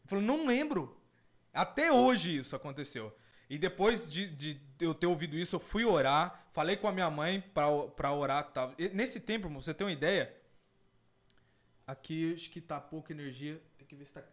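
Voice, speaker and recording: A male evangelical host tells his testimony and reacts to material in an earnest manner, repeating words and calling listeners brothers. His slightly high, a bit bright voice has lively intonation and moves fairly quickly.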